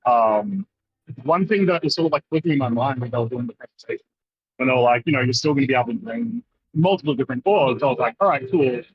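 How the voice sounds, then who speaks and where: A man's voice: mid-range voice, expressive, fast. Give me a man on a muffled remote call with noise reduction artifacts. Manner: rambling, lots of "like" and "uh". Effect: noise suppression artifacts over loud background noise. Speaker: remote guest on a gaming stream. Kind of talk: casual chat. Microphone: remote call, no proper microphone.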